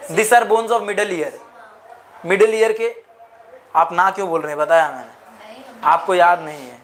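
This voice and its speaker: A man's voice: high-pitched, a bit bright. A man teaching a lecture, mixing in English phrases and asking the class questions again and again. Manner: asks the class repeated questions.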